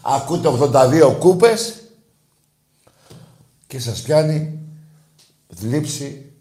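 Animated teasing man, echoey room. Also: medium pitch. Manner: loud teasing, mock despair, swings between shouting and muttering. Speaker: sports radio co-host. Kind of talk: casual fan talk show banter.

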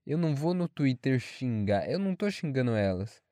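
Um jovem brasileiro falando sozinho de forma casual, franca e cheia de palavrões, divagando sobre a faculdade. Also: male voice, medium pitch, sing-song, moderate pace, mellow, no room sound, clean studio sound. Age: young adult. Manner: frank, rambling, swears freely. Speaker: podcast host. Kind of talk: casual solo monologue.

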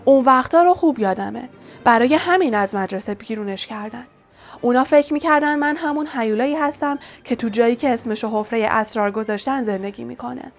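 A woman's voice: fairly high pitch, natural voice. Woman doing an angry ancient blind spider. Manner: furious, clacking outbursts. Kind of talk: audiobook reading.

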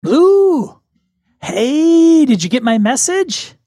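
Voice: medium pitch, lively intonation, normal speed, darkish tone, dry recording, studio quality. A game master voicing an eager woman who stammers as she pleads with her partner on the phone during a tabletop game. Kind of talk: in-character tabletop role-play.

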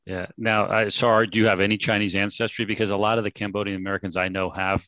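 A man from California with a fairly low voice interviews his guest, asking long, curious questions that wander before they land. His voice is dry and close to the mic. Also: level tone, quick pace, fairly bright tone, no room sound, poor audio. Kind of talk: casual interview talk.

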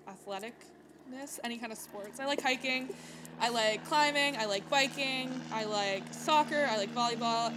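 A woman of twenty-one from Manitoba, co-hosting a podcast in casual chat with relaxed, self-deprecating humor. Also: medium pitch, background noise. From Manitoba, Canada. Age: 20s. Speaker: podcast co-host.

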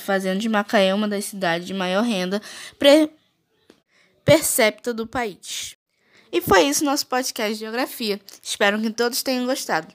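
A woman presents a school geography podcast, reading her script in short phrases. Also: mid-range voice. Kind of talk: read-aloud school presentation.

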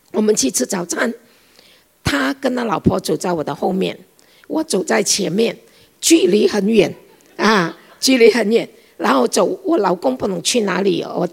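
A middle-aged woman giving a sermon, telling a family story in an animated way and acting out the dialogue. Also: mid-range voice, gravelly, husky. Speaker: preacher.

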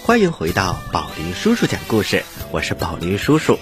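A man hosting and telling stories for children in an expressive, dramatic style, addressing his young listeners directly. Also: low voice, moderate pace, loud music behind the voice. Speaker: children's storyteller and show host.

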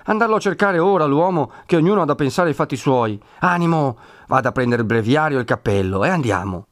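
A man voicing a bossy, brisk older housekeeper who scolds and hurries everyone along. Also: fairly high pitch, expressive, dry recording, clean studio sound, pitched above the performer's own voice, natural voice. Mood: impatient.

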